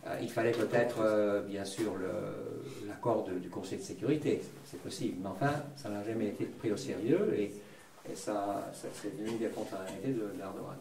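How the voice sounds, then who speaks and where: A man with a fairly low, creaky voice talks on a discussion panel. He feels his way through sentences with repeated words. He sounds slightly distant from the microphone in an echoing room. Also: moderate pace, dark tone. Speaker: panel speaker.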